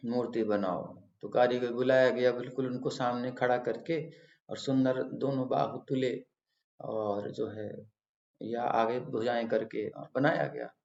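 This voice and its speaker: A man's voice: medium pitch, flat delivery, measured pace, gravelly, darkish tone. Man preaching a storytelling sermon. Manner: storytelling, explanatory, emphatic. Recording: roomy, dull lo-fi.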